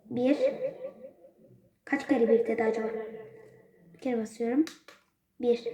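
A woman's voice: a little high, steady tone, unhurried, dark tone, a little hiss or hum. A woman in a casual unboxing vlog speaks through a karaoke microphone with a heavy echo effect, chatting straight to her viewers. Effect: heavy echo from a karaoke mic. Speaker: vlogger. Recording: echoey mic effect.

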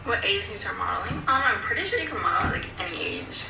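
Young female vlogger doing a casual Q&A, creaky low-key delivery, recorded off-mic in a boomy room. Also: fast talker, recorded from a distance. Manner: quiet, relaxed answers. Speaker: vlogger answering questions. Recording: echoey room, off-mic, noisy.

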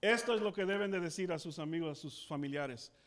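A man's voice: fairly high pitch, a little fast. A male pastor with a South Texas Spanish accent, preaching a sermon that switches between Spanish and English and leading the congregation in call-and-response. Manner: repeats each point in both languages, leads call-and-response. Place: church.

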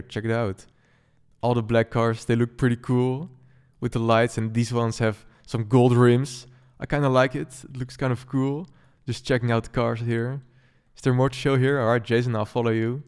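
A man hosting a gaming channel, giving relaxed, easygoing gameplay commentary and often repeating himself. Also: mid-range voice, clear, resonant tone.

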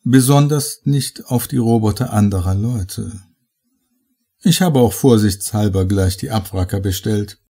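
A man voicing a brisk, suspicious official in a horror audiobook. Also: lowish voice, mellow, slightly rough. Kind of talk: audiobook character voice.

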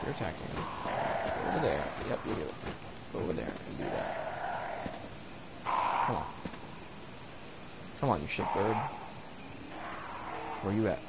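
A man's voice: low voice, sing-song, measured pace, vocal fry, long pauses. A young man commenting on his own gameplay, frustrated, rambling and swearing as he goes. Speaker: gamer. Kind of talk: let's play commentary. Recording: audible background noise.

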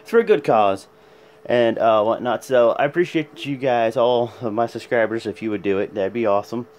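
A man's voice: medium pitch, moderate pace, a little mellow. A man in his thirties hosting a casual vlog, chatting to his phone at arm's length in a small room. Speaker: vlog host. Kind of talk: casual chat to camera. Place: small bedroom at home. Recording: noisy phone recording in a room.

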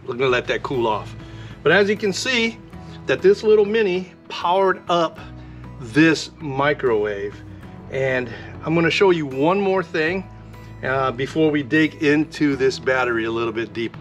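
Relaxed man demoing gear, faint music. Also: medium pitch. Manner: relaxed, rambling with fillers. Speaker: vlogger. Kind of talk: casual product demo vlog.

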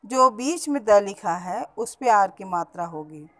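A woman teacher giving a Hindi grammar lesson on pronunciation to schoolchildren, with a Hindi accent from around Allahabad, explaining step by step and repeating words slowly to correct them. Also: mid-range voice, animated. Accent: Hindi as spoken around Allahabad.

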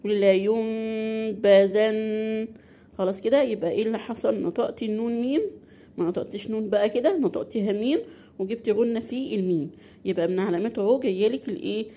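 A woman with an Egyptian Arabic accent gives a beginner Quran recitation lesson, posing questions and answering them herself while drawing out example words slowly. Her voice is medium-pitched, mellow, and slightly rough.

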